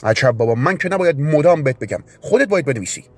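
A man's voice: fairly high pitch, big pitch swings, darkish tone, husky, faint music behind, pitched above the performer's own voice, heavily acted. A man voicing a restless, eager little girl who talks urgently and impatiently.

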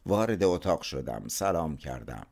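Deep-voiced man narrating a story. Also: sing-song, vocal fry, a little mellow. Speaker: audiobook narrator. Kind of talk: first-person story narration.

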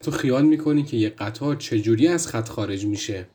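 An actor playing a stern, exasperated district judge who interrogates and scolds the accused in a radio drama. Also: male voice, medium pitch, warm tone, natural voice.

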